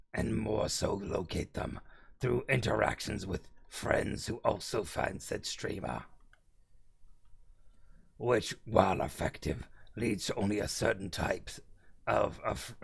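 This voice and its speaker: A male streamer talking in a demonic voice, with stiff, formal wording. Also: heavily acted. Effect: demonic voice, deep and gravelly. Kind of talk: casual live-stream chat.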